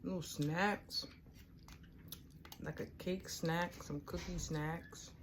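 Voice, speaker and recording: A low-pitched American woman hosts a casual mukbang, chatting to viewers while eating. Her delivery is slow and colloquial, and faint noise sits behind her voice. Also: fairly even intonation. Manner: unhurried, colloquial, talking to viewers between bites. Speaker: mukbang host.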